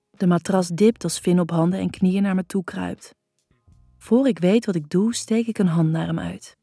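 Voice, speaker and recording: Husky low-voiced woman narrating. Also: dark tone, no room sound, clean studio sound. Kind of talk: first-person audiobook narration.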